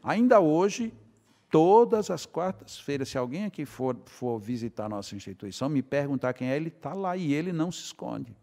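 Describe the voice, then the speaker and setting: A man's voice: a little high, sing-song, moderate pace, mellow. A man with a Brazilian Portuguese accent giving a talk at a spiritist center, telling anecdotes and acting out both sides of the dialogue. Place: lecture hall. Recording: long hall reverb.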